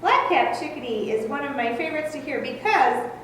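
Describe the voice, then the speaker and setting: A woman naturalist giving a children's nature lesson, gently coaxing her young listeners and calling them friends. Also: sits high, animated, a little fast. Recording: very echoey room, mic far off, faint background hum.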